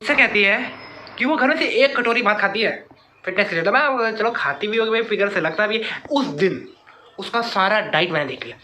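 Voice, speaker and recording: A young man tells a breakup story to his friends in a casual comedy sketch. His pitch swings up and down as he jokes, with plenty of banter. The home-made video recording has clear noise underneath his voice. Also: fairly quick. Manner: lively, joking banter with friends. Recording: noisy amateur video recording.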